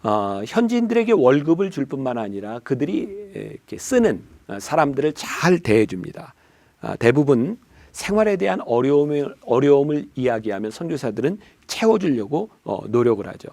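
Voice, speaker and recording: A middle-aged man delivers a sermon as a pastor, speaking directly to his listeners and weaving in stories to make his points. His voice sits at a medium pitch. The recording is dry and close, with no room echo. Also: sing-song, normal speed, gravelly, a little mellow. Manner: storytelling preacher, addresses the congregation directly.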